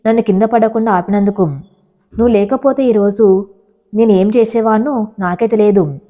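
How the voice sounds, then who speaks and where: A woman voicing a remorseful young rich man pleading tearfully with his father, with a dark voice. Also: mid-range voice, normal speed, dull audio, natural voice.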